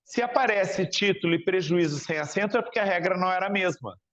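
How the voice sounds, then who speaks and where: This high-pitched, slightly bright voice belongs to a Porto Alegre man lecturing at a quick pace with a southern Brazilian accent. He keeps questioning the class in a chatty way, tagging questions onto the ends of phrases.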